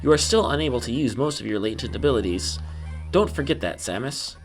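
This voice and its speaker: A man's voice: mid-range voice, animated, faint music behind, natural voice. Man putting on a hammy, blunt ship computer commander. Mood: stern, commanding. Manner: hammy amateur voice acting, deliberately silly. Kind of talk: amateur game dialogue read-aloud.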